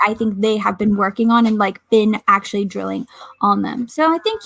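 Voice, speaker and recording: A woman's voice: mid-range voice, animated, brisk, gravelly, a bit bright, no echo. A young woman co-hosting a casual sports chat show, chatty and giggly with lots of fillers. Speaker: podcast co-host.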